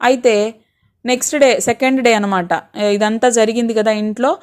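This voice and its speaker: A woman's voice: a little high, fairly even intonation, normal speed. A woman teacher explaining a textbook lesson to students. She reads a passage aloud, then explains it patiently, asking questions and answering them herself. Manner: patient, asks and answers her own questions.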